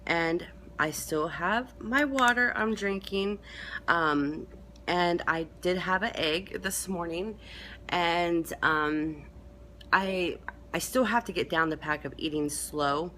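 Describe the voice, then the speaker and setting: A woman's voice: fairly low pitch, takes it slowly, pushed and bright, slight background noise. A woman giving a casual, rambling update to camera, chatting with lots of fillers. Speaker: vlogger.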